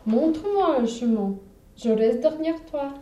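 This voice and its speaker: Lady doing a big dopey storybook monster, high voice, dark and muffled, echoey room. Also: lively intonation, measured pace, slight background noise. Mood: wondering. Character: big clumsy gullible monster, male. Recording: roomy, dull lo-fi sound.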